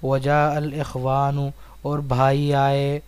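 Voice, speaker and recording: A man's voice: mid-range voice, completely flat delivery, a little mellow, smooth. A man with an Indian Urdu accent teaching an Arabic lesson. He reads each line in Arabic and then explains it word by word in Urdu. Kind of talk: recorded online lesson, reading and translating.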